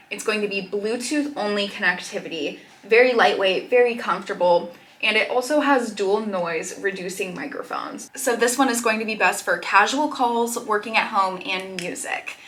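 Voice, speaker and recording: A woman's voice: mid-range voice, sharp tone, slight background noise. A woman hosting a casual product review in a chatty, upbeat way. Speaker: product reviewer and video host.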